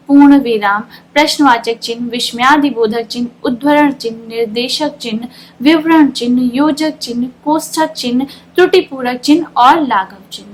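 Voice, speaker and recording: High-voiced woman teaching. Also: a little hiss or hum, poor audio. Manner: explains step by step, asks questions and answers them herself; reads examples slowly and deliberately. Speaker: online Hindi teacher. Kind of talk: classroom grammar lesson.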